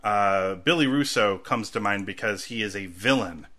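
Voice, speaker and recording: Male co-host, low but forceful tone, chatty and rambling, loud bursts when quoting. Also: moderate pace. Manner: rambling, acts out quotes loudly. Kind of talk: casual chat.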